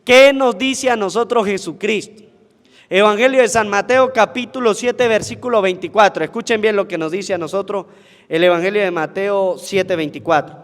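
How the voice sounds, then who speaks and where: At Mass, a priest from Venezuela preaches at an ordinary pace, his high voice carrying through the church. Long reverb trails his words as he repeatedly asks the congregation questions and then supplies the answers.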